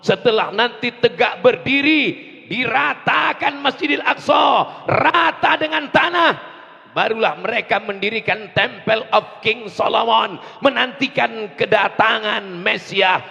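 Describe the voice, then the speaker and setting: Gravelly high-voiced preacher shouting outdoors. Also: male voice, highs cut off. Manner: slow emphatic delivery, rising to shouts, repeats for the crowd. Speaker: preacher at a rally. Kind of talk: fiery rally sermon with call and response. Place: large outdoor rally. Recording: distant echo over crowd loudspeakers.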